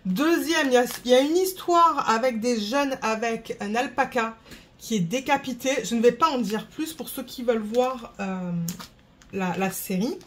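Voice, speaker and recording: A woman's voice: a little high, normal speed. Female vlogger, casual rambling chat with faint noise under it. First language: French. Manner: rambling, stops to search for words.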